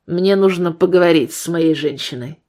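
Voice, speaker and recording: A woman's voice: lowish voice, normal speed, darkish tone, close to an everyday voice. A woman reading the lines of a brutal, threatening male ex-convict gunman in an audiobook, barking coarse threats. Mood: menacing.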